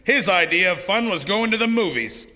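An actor playing a stern, paternal, hard-bitten police lieutenant who interrogates persuasively. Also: male voice, high-pitched, animated, normal speed, pushed and bright, full character voice. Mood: reproachful. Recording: reverberant hall.

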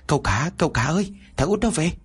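A man voicing a servile young henchman who speaks in hurried, fawning calls. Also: a little high, lively intonation, slightly rough, voice pushed up.

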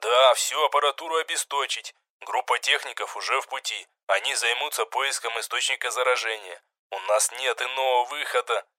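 The narrator plays a distant commander issuing orders by radio. His delivery is quiet but categorical. Each sentence lands curt and final. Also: medium pitch, brisk, few pauses, dry recording, lightly acted. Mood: cold. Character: cold male commander giving orders by radio.

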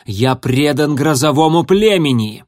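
A man's voice: mid-range voice, measured pace, no room sound, clean studio sound, close to an everyday voice. A man voicing a loyal, earnest young male warrior cat in a storybook reading, a little defensive. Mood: defiant.

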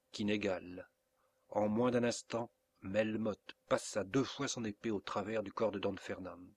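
French guy reading an old novel aloud, husky, low, steady. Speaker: audiobook narrator. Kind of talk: scripted narration of a classic novel.

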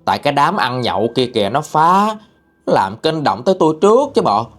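A man voicing a petulant female ghost speaking through a possessed young man, in a shrill, womanish voice with a Southern Vietnamese accent and a whiny, sassy manner. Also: big pitch swings, brisk, fairly bright tone. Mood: pleading.

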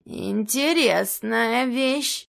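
A woman reading a story and voicing a hunched old male antique dealer with a creaky voice, drawn out and slow. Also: a little high, a bit bright, exaggerated voice. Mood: sly.

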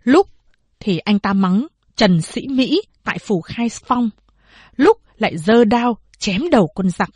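Husky-voiced woman narrating a novel. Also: fairly high pitch, animated, darkish tone, dry recording. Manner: measured storytelling, voices all figures. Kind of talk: audiobook narration.

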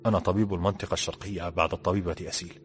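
A man's voice: low voice, little pitch movement, a little hiss or hum, natural voice. A man doing a polite, respectful town doctor. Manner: polite, measured.

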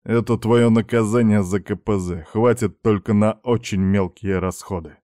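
A man's voice: fairly low pitch, fairly even intonation, moderate pace, mellow, dry recording, clean studio sound, lightly acted. A man voicing a stern middle-aged father lecturing his teenage son in a firm, reproachful way.

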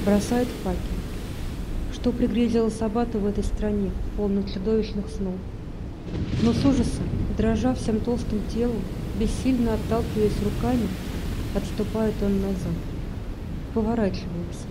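A woman narrating the stage directions of an audio play in a measured way. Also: mid-range voice. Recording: steady background hiss.

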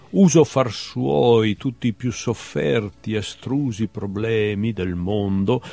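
A guest poet from Veneto, Italy, reads a playful little bestiary of short love fables on a TV talk show in a television studio. His medium-pitched, darkish voice has vocal fry, and his recital is wry and humorous.

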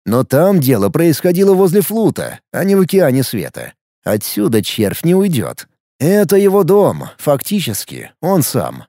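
A man narrating an audiobook with expressive storytelling and a lively, moving pitch. His voice is somewhat high with a gravelly edge. The recording is dry and close. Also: moderate pace, dry recording. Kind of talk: scripted narration.

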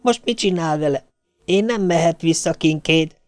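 A man's voice: a little high, a little mellow, clear, resonant tone, dry recording, pitched above the performer's own voice, natural voice. A man reading an audiobook, voicing a kindly Swedish ship's cook who speaks in broken grammar, earnest and apologetic. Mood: worried.

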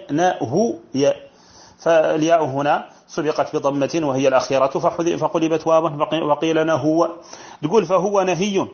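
Brisk sheikh teaching grammar. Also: male voice, fairly high pitch, a little mellow. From Mauritania. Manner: explains step by step, repeating key phrases, with colloquial asides. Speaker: teacher of Arabic morphology. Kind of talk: classical grammar lesson explaining a verse text. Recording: dull lo-fi lesson recording.

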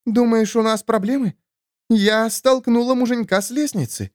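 A man voicing a sharp-tongued, scornful woman who snaps and scolds in an audiobook story. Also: extremely high pitch, moderate pace, no echo, clean studio sound, voice pushed up. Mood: scornful snapping. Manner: snapping, scolding, sarcastic.

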